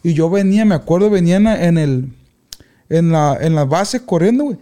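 A young man, telling childhood stories in casual podcast chat with loud outbursts. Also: on the high side, a little fast. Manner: animated slangy storyteller, loud outbursts. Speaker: podcast co-host.

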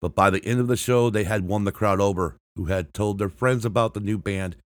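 A man's voice: fairly low pitch, brisk, no echo. A man hosting a podcast, reading music history aloud from a script, often stumbling and restarting words and marking quotes with "and I quote". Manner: reads from a script with frequent restarts and self-corrections. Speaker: podcast host.

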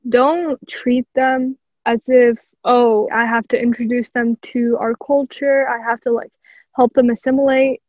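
A young Palestinian woman, a guest in a casual interview, talks earnestly and reflectively, often dropping in fillers like "honestly" and "like." Her voice is a little high, and the recording is dry and muffled.

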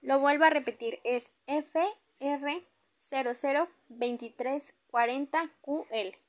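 A woman's voice: high voice, slow pace. A woman with a Mexican accent playing a courteous complaints officer in a role-play, using a polite, formal customer service voice. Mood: procedural, polite. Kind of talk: amateur acted role-play.

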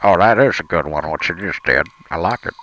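A man's voice: low voice, animated, brisk, a bit bright, muffled recording, a little hiss or hum. A man improvising a comedy sketch in a teasing, playful way. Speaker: comedy podcast co-host.

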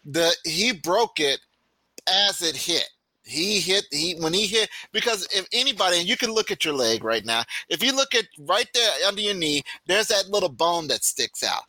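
A man's voice: high-pitched, lively intonation, moderate pace, sharp tone, dry recording. A man co-hosting a sports podcast, talking emphatically and adding graphic detail. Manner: emphatic, eager to correct and add detail. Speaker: podcast co-host. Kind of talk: casual sports chat.

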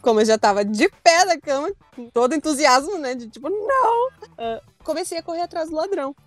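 A young woman recounts a story in casual chat, high-pitched and animated. She acts out her own shouts and quotes. The sound is close and dry, with faint music under it. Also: quick pace, no echo. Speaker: storyteller guest.

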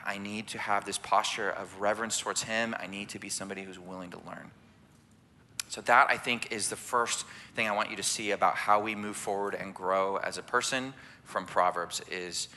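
A man with a lowish, sharp voice preaches in a church sanctuary as families ministry director, drawing listeners in with a conversational style and frequent "right?". There is slight background noise.

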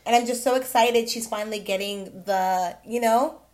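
A young woman in her twenties co-hosting a podcast, upbeat and slangy, with quick little responses. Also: on the high side. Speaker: podcast co-host. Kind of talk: casual chat.

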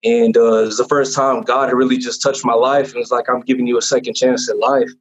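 Speaking fairly quickly in a medium pitch that barely moves, a young man recounts his personal testimony during an informal chat. His telling is sincere but meandering, with lots of filler words and false starts, captured on dull lo-fi audio.

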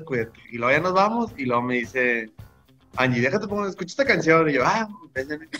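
A man's voice: on the high side, a bit bright, muffled recording. A young man with a Mexican accent telling a long, rambling story in slangy casual chat on a podcast. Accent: Mexican Spanish. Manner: rambling, slangy, full of restarts. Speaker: podcast guest.

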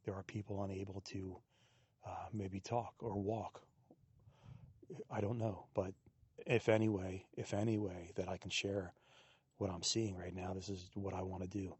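A man hosting a podcast, musing aloud in a soft-spoken reflective monologue while walking a quiet wooded trail, captured on a handheld digital recorder without a windscreen. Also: low-pitched, flat delivery, normal speed, long pauses, slightly rough, dry recording. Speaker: podcast host. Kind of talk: reflective solo monologue on a walk. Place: outdoors on a quiet wooded trail in a state park.

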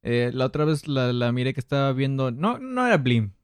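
A man's voice: medium pitch, moderate pace, smooth, no room sound. A man with a northern Mexican accent chatting casually as a podcast host, telling anecdotes in street slang and acting out what people said. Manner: animated retelling with acted-out quotes and street slang.

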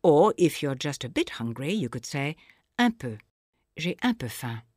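A woman narrating a scripted audio language lesson, explaining phrases slowly and clearly for the listener to repeat. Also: low voice, sing-song, a little mellow. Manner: slow, clear teaching delivery with pauses for repetition.

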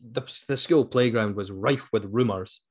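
A man's voice: lowish voice, normal speed, slightly rough. Male Scottish co-host, informal conversational storyteller who dramatises reported speech. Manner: animated retelling, acts out quoted speech. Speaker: book club podcast co-host. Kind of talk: casual chat, anecdotal storytelling.

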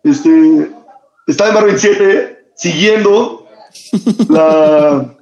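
A man's voice: a little high, very slow, a little mellow, roomy sound, highs cut off. A young man with a Mexican accent, co-hosting a casual chat and telling stories in slang, often laughing.

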